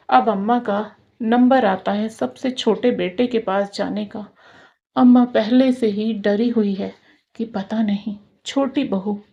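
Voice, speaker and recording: A woman's voice: medium pitch, creaky, warm tone, muffled recording. A woman narrating a scripted moral story in an emotive storytelling manner.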